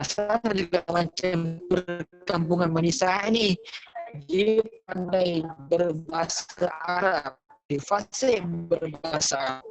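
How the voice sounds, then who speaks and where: A man with a Malaysian Malay accent, a religious teacher giving an online lesson to children, patiently repeating key points and quizzing his pupils. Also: high-pitched. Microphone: computer or phone mic on a video call. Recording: dull, dry lo-fi online class recording.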